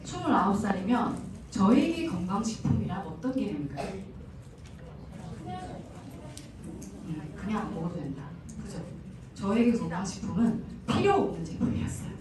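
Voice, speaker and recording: Woman, thirties, chatty seminar speaker quizzing the crowd; animated delivery, faint room noise behind. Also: medium pitch, moderate pace, pauses often. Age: 30s. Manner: chatty, poses questions to the audience. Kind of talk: motivational seminar talk. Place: large hall. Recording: echoey hall from far off.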